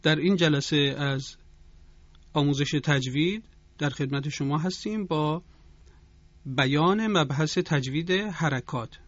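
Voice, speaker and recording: A man teaches Quran recitation rules on a radio program, speaking in a formal, instructive way and chanting example phrases to demonstrate. His voice sits fairly high, and the recording is dry and dull in tone. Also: dry recording. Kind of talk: radio tajweed lesson.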